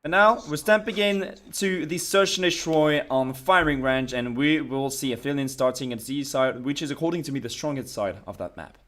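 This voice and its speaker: A man with a French accent co-casting a live match, chatty, with hesitant fillers and throat clearing. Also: mid-range voice, moderate pace, hardly any pauses, a bit bright. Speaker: esports co-caster. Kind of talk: live game commentary.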